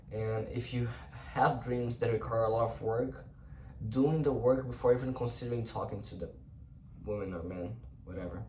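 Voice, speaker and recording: Speaking English as a Portuguese native, the young man vlogs in an unscripted, meandering way, often backtracking and dropping casual swear words. His voice sits in the mid range. He is set back from the mic in a reverberant space with slight hiss or hum.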